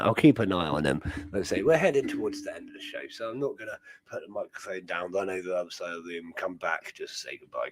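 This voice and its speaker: Here a young Brit with a chest infection hosts a casual livestream, his talk rambling and broken up by frequent laughter. The voice is medium in pitch and a little mellow.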